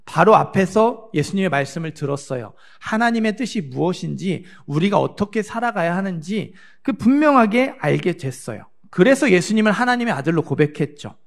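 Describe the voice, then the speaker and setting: High gravelly man preaching sunday sermon at church, asks the people stuff then answers it. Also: sing-song, brisk, hardly any pauses. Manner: asks the congregation questions and answers them himself; acts out the disciples' frantic words in a higher voice. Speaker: pastor. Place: church sanctuary.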